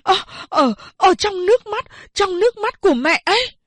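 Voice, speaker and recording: A man's voice: extremely high pitch, takes it slowly, no echo, exaggerated voice. A woman voicing a young man haunted by visions of his lost love, who stammers and calls out again and again. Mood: distraught. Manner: stammering, breathless repeated calls.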